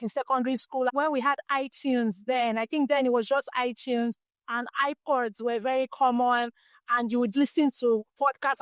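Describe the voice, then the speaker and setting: A woman with a Nigerian English accent hosts a reflective solo podcast, speaking earnestly and encouragingly about her journey as a creative and about her faith. Her voice is high, small and light, with no room sound.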